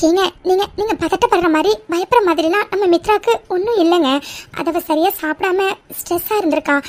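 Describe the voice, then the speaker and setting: Woman voicing a calm, very high-voiced cartoon mother. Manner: reassuring. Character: calm middle-aged mother reassuring her husband. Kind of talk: cartoon voice acting.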